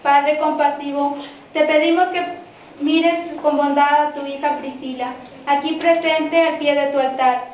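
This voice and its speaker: A Mexican woman with a high voice leads the prayers and readings at a quinceañera mass, reciting in a measured, even manner. The church recording is echoey and distant, with faint noise.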